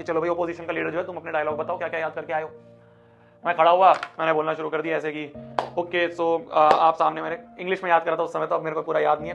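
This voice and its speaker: A man's voice: a little high, vocal fry. A young man teaching online, telling a school story to motivate his students and acting out scenes in a fiery speech voice. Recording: slightly dull audio with soft background music.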